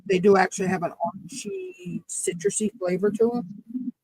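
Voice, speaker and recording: A woman's voice: mid-range voice, very animated, normal speed, creaky, darkish tone, breathy edge, no echo, rough recording. Woman in casual chat, very dry sound.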